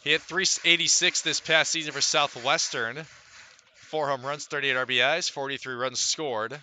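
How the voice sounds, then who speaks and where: On live radio, a man calls baseball play-by-play in a very bright, forceful voice of middle pitch. His intonation is fairly even and his pace moderate as he clicks from stats to action like a sports commentator.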